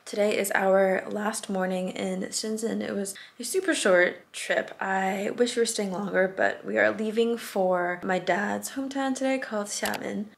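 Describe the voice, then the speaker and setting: A woman's voice: medium pitch, steady tone, creaky. A young woman in her twenties, talking casually and upbeat as a travel vlogger, filming herself with a handheld phone. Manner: chatty and upbeat, with quick asides. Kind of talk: casual vlog narration. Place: malls, shops and a hotel room, indoors. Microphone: handheld phone camera at arm's length. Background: loud background music.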